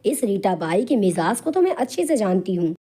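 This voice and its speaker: A woman voicing a kind middle-aged family friend who speaks gently and reassuringly in an animated storybook. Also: medium pitch, moderate pace. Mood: caring.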